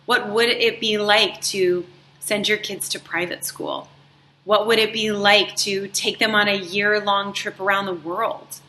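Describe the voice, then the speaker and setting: A woman hosting a motivational talk for her viewers, her voice bright and forward. She speaks encouragingly and lingers on the words she wants to stress. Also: medium pitch, slight background noise. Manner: warm, encouraging, drawn-out emphasis on words. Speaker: life coach and show host. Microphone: live stream setup.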